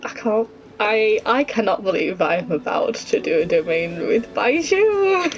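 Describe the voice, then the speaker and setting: Faint game music plays beneath a slightly muffled recording of a woman streamer chatting through her gameplay. Her mid-range voice takes its time and swings widely in pitch as she thinks aloud and reacts with plenty of expression.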